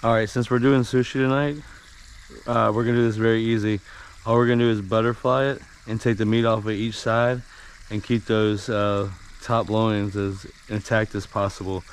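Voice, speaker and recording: A man's voice: on the low side, flat delivery, moderate pace. A man casually narrating an outdoor vlog in a folksy, easygoing manner. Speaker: host of an outdoor fishing and cooking vlog. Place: outdoors, by water and at home. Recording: outdoor noise, water sounds.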